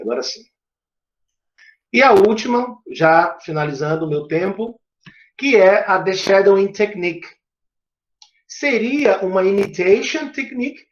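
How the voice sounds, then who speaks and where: Man, online english lesson, step by step explaining, slightly high pitch, dull muffled sound. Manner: explains step by step, repeats English clips aloud. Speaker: English teacher. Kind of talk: online lesson with screen demo. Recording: echoey room, dull lo-fi sound.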